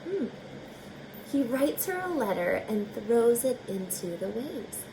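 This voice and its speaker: Her voice on the high side and swinging widely in pitch, a teacher reads a picture book aloud expressively, chatting directly with young listeners. She phrases everything slowly and deliberately, with background noise in the clip.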